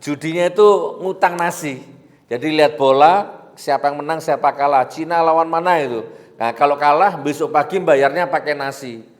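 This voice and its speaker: A male preacher delivers a storytelling sermon, his fairly high voice rising into loud exhortation and then dropping to hushed asides. The sound carries a long echoey reverb, as if he is recorded in a large hall. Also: moderate pace.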